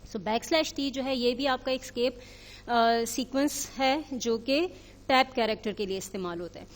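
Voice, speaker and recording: Woman, programming teacher, recorded lecture, step-by-step explaining, fairly high voice, reverberant recording. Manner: explains step by step, often checking with "theek hai?"; mixes English technical terms into Urdu.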